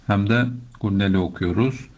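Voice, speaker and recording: A middle-aged man teaching Quran recitation step by step, explaining patiently and chanting verses slowly. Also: lowish voice, a little mellow. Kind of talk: slow step-by-step recitation lesson.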